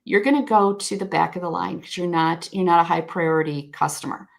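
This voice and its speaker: Speaking a little fast in a fairly low, gravelly voice, a woman serving as a guest expert explains search crawling over a video call. She's frank and thoughtful, frequently revising what she's just said.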